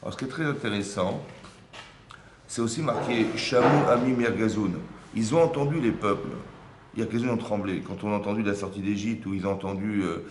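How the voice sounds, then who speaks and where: A man whose voice is on the low side teaches a small group a religious class, talking a little fast over a noisy background. He keeps it interactive by asking questions and checking in, often repeating words as he searches for phrasing. The room is roomy, with faint background ambience.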